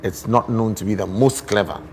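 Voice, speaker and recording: A guest poet and storyteller with a Ghanaian accent is interviewed, speaking in a lowish voice. His explanations are expressive, deliberate and teacherly, full of rhetorical questions, with noticeable ambient noise in the background.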